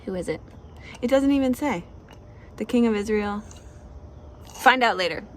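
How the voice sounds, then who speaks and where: A woman's voice: fairly high pitch, normal speed, slight background noise. Chatty woman hosting a Bible chat. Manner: chatty, laughs often, acts out quoted speakers. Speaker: devotional host.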